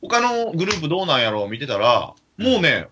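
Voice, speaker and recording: A man telling an animated story in casual chat, acting out the quotes of the people in it. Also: fairly high pitch, quick pace, a little hiss or hum. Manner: animated anecdote with acted-out quotes. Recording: dull lo-fi recording.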